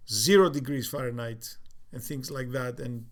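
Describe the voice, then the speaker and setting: A man in his sixties with a faint Cypriot accent, speaking at a middle pitch. He reminisces slowly and thoughtfully, pausing with frequent ums and uhs as he gathers his memories in a relaxed family conversation. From Cyprus. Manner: reflective, halting with many fillers. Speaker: interviewee, father. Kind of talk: casual family interview.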